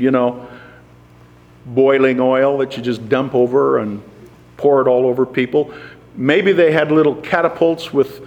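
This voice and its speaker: A man preaching a sermon, measured and slowing down for emphasis. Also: fairly high pitch. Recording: long hall reverb.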